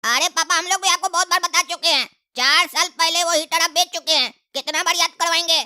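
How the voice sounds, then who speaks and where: A woman voicing a cheeky, mouthy young boy in a cartoon, talking in sarcastic rambles with frequent shouts and laughs. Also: extremely high pitch, steady tone, brisk, heavy background noise. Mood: teasing.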